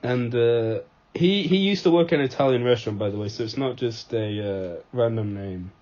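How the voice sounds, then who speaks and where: A man's voice: medium pitch, normal speed, a little mellow. A young man co-hosting a podcast, chatting casually with a sarcastic, ribbing manner. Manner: sarcastic, ribbing, laughs often. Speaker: podcast co-host. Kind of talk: casual chat. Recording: dull lo-fi podcast recording.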